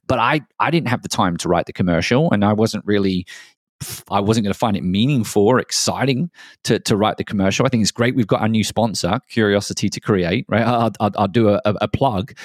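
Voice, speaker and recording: A man's voice: lowish voice, dry recording, studio quality. A man co-hosting an education podcast, reflecting aloud in a thoughtful, conversational way. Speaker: podcast co-host.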